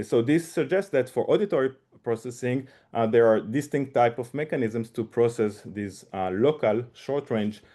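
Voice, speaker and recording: A man presenting a research seminar, speaking haltingly with many fillers and restarts. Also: medium pitch, mellow. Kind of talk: academic seminar talk.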